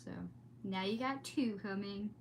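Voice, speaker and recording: This is a woman streamer hosting a read-aloud, her voice medium-pitched and a bit slow, with a faint hiss or hum in the audio. She chats in a loose, rambling vlog style, full of exclamations and quick to wander off topic.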